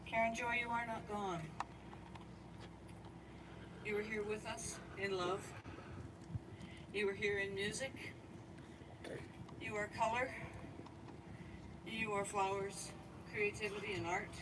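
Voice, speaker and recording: A woman's voice: mid-range voice, level tone, slow, long pauses. Heartfelt woman giving a eulogy from afar. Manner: heartfelt, speaks straight to the departed friend. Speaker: eulogy speaker. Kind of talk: memorial eulogy. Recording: distant mic with outdoor noise.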